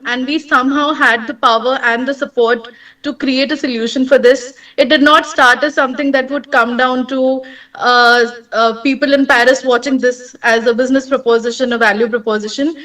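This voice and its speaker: Woman, Indian accent, young, high voice, earnest presenter, distant remote audio. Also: steady tone, moderate pace, fairly bright tone. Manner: earnest, heartfelt. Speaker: startup co-founder.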